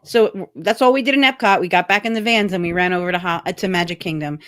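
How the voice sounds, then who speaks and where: A woman hosting a podcast, casually recounting a trip with pauses and fillers. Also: lowish voice, a bit bright. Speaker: podcast host. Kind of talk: casual chat.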